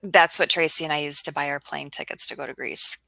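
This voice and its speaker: A woman's voice: deep voice, steady tone, quick pace, gravelly, pushed and bright, low-quality recording. A woman co-hosting a podcast, chatting casually in an upbeat, matter-of-fact way. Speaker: podcast co-host. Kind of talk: casual chat.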